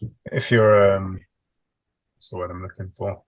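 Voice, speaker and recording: Podcast co-host: British guy with a low, slightly raspy voice, dry understated humour. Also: steady tone, moderate pace. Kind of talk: casual chat.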